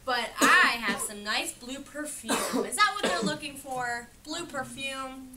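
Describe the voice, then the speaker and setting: A woman reads a picture book aloud to children in an interactive way, posing questions and affirming their answers. Her voice is high and her pace measured, picked up by a distant mic in a room where a crowd is audible in the background.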